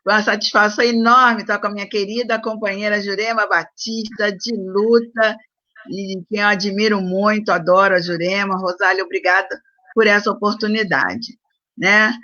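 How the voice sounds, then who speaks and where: Teacher lady on a video call, bright forceful voice, sound kinda dull. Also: medium pitch, steady tone, moderate pace, no room sound. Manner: uses the tag "né?" again and again, firm. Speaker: panelist, school teacher. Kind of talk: opening remarks in an online debate.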